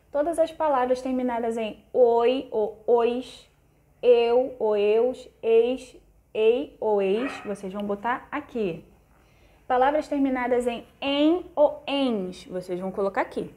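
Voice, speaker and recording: A Brazilian woman teacher reading from a textbook and patiently walking pupils through grammar exercises, often checking with "tá?". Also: a little high. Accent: Brazilian Portuguese. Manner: patient, explanatory, frequent "tá?" checks; reads textbook aloud and walks through exercises. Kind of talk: recorded class lesson.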